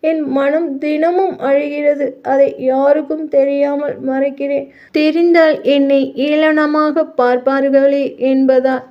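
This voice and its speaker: A woman's voice: sits high, flat delivery, slow pace. A woman voicing a heartbroken young wife who speaks in a pleading, tearful way, on muffled lo-fi audio. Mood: grieving.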